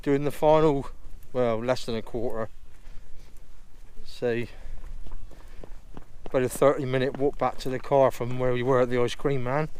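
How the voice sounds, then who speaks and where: A man's voice: mid-range voice, fairly even intonation, measured pace, long pauses, darkish tone, a little hiss or hum. Chatty man vlogging outdoors. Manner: chatty, informal. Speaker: vlogger, father. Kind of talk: casual outdoor hiking vlog. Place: outdoors on a country walk.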